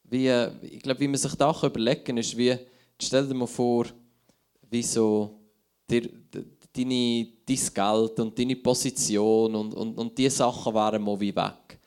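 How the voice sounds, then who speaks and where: A man's voice: medium pitch, flat delivery, measured pace, a little mellow, clean tone. A man in his thirties with a Swiss German accent, giving a conversational sermon and thinking aloud, with frequent restarts. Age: 30s. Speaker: pastor. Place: church hall.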